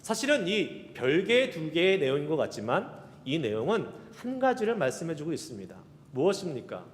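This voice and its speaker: Lively Korean pastor preaching in a hall. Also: male voice, fairly high pitch. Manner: lively, joking with the congregation, recites scripture slowly. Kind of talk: sermon. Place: church sanctuary. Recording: reverberant church hall.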